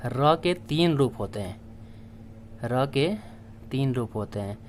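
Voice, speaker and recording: A man's voice: medium pitch, animated, slow pace, a little hiss or hum. A man teaching a language lesson, patiently spelling out letters one by one and repeating each word. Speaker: Sanskrit teacher. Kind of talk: slow classroom explanation.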